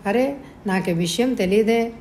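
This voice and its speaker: A woman voicing a gentle, sorrowful young mother who speaks softly and wearily in a storybook reading. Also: mid-range voice, measured pace, slight background noise, lightly acted. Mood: sad. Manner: soft, tired speech.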